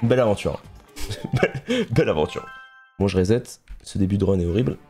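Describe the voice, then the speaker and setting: A man's voice: low-pitched, very fast, mellow, faint music behind. Chatty young French man streaming. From France. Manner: chatty, storytelling, laughs often. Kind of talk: casual live-stream chat while gaming.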